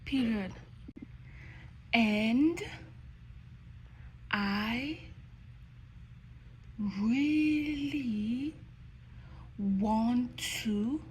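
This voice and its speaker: A woman giving a slow school dictation, reading a word or short phrase at a time with long pauses. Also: on the high side, darkish tone, slight background noise, low-quality recording. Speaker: English dictation teacher.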